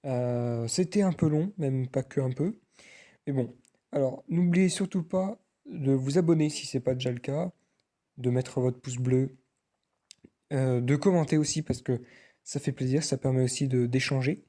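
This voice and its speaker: French guy signing off his vlog, chatty and halting, warm tone. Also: medium pitch. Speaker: vlogger. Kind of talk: casual outro to camera.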